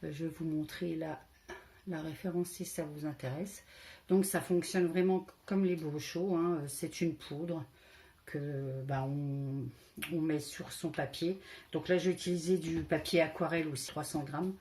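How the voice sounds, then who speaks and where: A woman with a low, mellow voice and a regional French accent shows her handmade cards, casual and unhurried. She hesitates a lot and loses her thread now and then. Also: fairly even intonation. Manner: hesitant, many fillers, loses track. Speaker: crafting vlogger. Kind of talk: casual craft show-and-tell.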